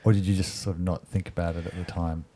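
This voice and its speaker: A man, an interviewer asking gentle, probing questions and giving frequent affirmations. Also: deep voice, flat delivery, fast. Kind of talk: casual interview.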